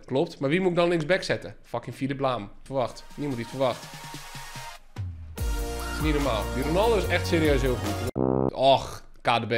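A young man commentating his own football video game as he plays, excitable, swearing constantly and shouting when goals fall. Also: on the high side. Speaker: gaming YouTuber. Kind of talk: live FIFA gameplay commentary.

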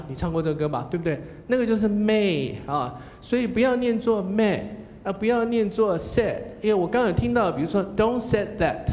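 A man with a Taiwanese Mandarin accent talks to student contestants as a judge, in a fairly high voice. He explains patiently and sounds out words to model them, tagging his phrases with a soft "ha". His voice rings through a large hall with a long echo and a faint low rumble behind it. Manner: coaching tone, demonstrates English pronunciation, ends phrases with a soft "ha" tag. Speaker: contest judge giving feedback. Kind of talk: spoken feedback to student contestants.

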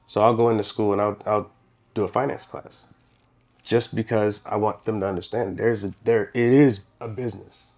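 At normal speed and on the low side, a man in his thirties who runs a barbershop tells his story as a guest in a small podcast studio. It's casual interview storytelling, relaxed and wandering with restarts, livelier during retold scenes.

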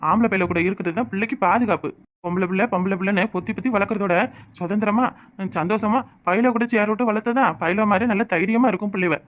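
A woman voicing a calm, reasonable village father in a cartoon, with a Tirunelveli Tamil accent. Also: medium pitch, quick pace, natural voice. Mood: reasoning. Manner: soothing, reasoning. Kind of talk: cartoon voice acting.

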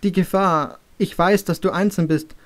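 A man's voice: high-pitched, fairly even intonation, moderate pace, voice pushed up, natural voice. A man reading an audiobook, voicing a tearful mother who pleads with her son. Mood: pleading, tearful. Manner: sobbing, pleading.

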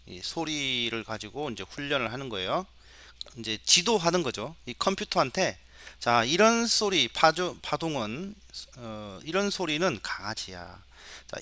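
A man's voice: medium pitch, pushed and bright. A middle-aged male professor giving a recorded lecture demo, coaxing his students along with questions. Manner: imitates animal sounds for the mic.

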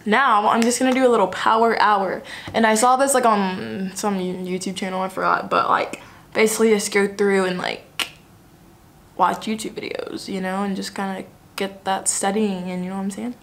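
A woman's voice: medium pitch, fairly even intonation, moderate pace, vocal fry. A young woman from Alabama, chatting casually to camera in a college common room, self-deprecating and full of fillers. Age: young adult. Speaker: student vlogger. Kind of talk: casual vlog chat.

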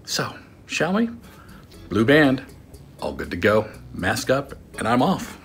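A middle-aged American man records a wry, chatty video diary in a hotel room, holding his phone at arm's length. He speaks slowly at a medium pitch with huge swings in intonation, telling stories with self-mocking humor. Soft music plays in the background.

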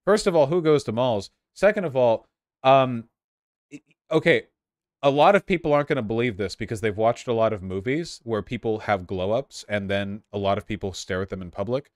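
Man, streamer reacting to videos, sarcastic and swearing, mid-pitched voice, dry sound. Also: expressive, no echo. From Los Angeles, USA. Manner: sarcastic, laughing, swearing, quick asides. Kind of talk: casual live-stream commentary.

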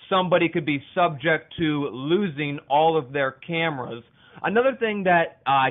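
A man, an independent reporter, leaving a formal voicemail over a landline phone, measured and carefully worded with a dry, ironic edge. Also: on the high side. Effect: heard over a landline phone. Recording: tinny phone line.

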